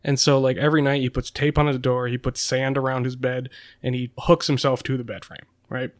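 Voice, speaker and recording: A man's voice: medium pitch, little pitch movement, fairly quick, no room sound, studio quality. A young man co-hosting a podcast, talking casually in a rambling way with many fillers and frequent laughs. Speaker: podcast co-host. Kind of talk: casual chat.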